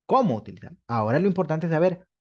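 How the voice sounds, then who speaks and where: A man teaching a beginner English class, explaining patiently and repeating examples slowly. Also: a little high, big pitch swings, a little mellow. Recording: dull lo-fi sound.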